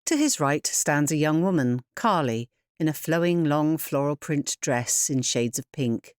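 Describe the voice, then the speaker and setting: Reading from a script, a woman with a low voice narrates audio description in a measured, clearly enunciated yet expressive way. The recording is dry and close.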